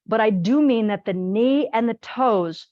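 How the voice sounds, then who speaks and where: A woman teaching a live group exercise class in a lively, chatty, joking and direct way. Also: a little high, measured pace, no room sound, phone-quality sound. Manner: direct, plain-spoken coaching. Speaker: posture exercise instructor.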